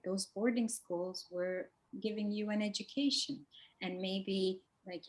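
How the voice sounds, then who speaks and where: Heard through poor audio, a mid-range female voice belongs to a middle-aged Turkish-accented interviewer. She comes from Turkey, grew up speaking a minority language there, and muses aloud while posing questions in a relaxed Q&A.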